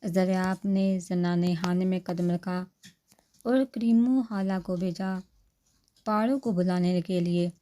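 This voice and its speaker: A woman's voice: on the low side, steady tone, warm tone. A woman narrator steadily reading a romance novel aloud.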